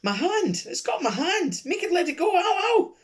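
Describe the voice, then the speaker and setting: A man voicing a scheming posh lady who shrieks in faked pain, then turns prim and calm. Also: mid-range voice, normal speed, breathy edge, pitched above the performer's own voice. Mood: shrieking pain.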